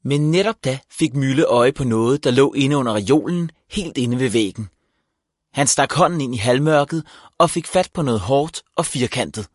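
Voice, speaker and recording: A man reading a children's book aloud as narrator, with an even storytelling delivery. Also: medium pitch, no echo, studio quality. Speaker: audiobook narrator.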